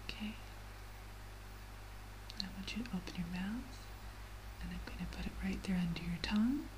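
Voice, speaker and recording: A woman in a soft, breathy whispered role-play as a medical examiner, giving gentle, reassuring instructions. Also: medium pitch, normal speed. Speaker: ASMR performer playing a medical examiner. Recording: clearly audible background noise.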